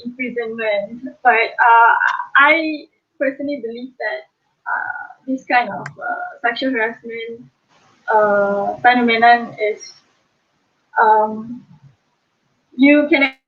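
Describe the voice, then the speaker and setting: A woman talks slowly in a high voice, pausing often with fillers and restarts. She is a panelist in an online forum. Her voice comes through a tinny, phone-like video call line. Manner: halting, many fillers and restarts.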